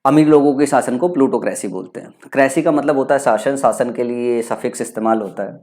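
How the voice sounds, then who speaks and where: A man's voice: mid-range voice, brisk, a little mellow. Bihari-accented man teaching vocabulary. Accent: Bihari Hindi. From Bihar, India. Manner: explains and repeats terms, asks and answers himself. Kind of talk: exam prep lecture.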